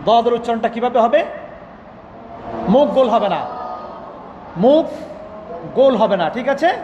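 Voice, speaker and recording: A man's voice: extremely high pitch, animated, lo-fi sound. A male Quran teacher from Bangladesh drilling letter sounds with children in a classroom, calling for repetition. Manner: drills syllables slowly, calls for repetition. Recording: echoey hall, children and noise behind.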